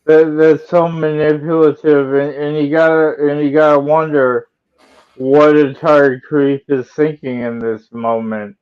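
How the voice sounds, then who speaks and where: A man's voice: on the high side, fairly even intonation, measured pace, smooth. A man in casual panel chat, speaking hesitantly and repeating his words, on a lo-fi channel. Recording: dull, lo-fi voice channel.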